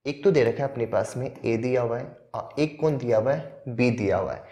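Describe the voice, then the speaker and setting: A man's voice: mid-range voice, moderate pace, mellow. Male maths tutor for exam prep, walks through each step, asks and answers his own questions, mid-range voice. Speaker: maths teacher.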